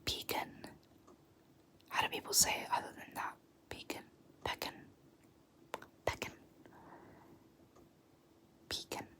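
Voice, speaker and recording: Soft whispering from a young British woman fills this ASMR video. She pronounces words slowly, repeating each one, with the occasional small laugh.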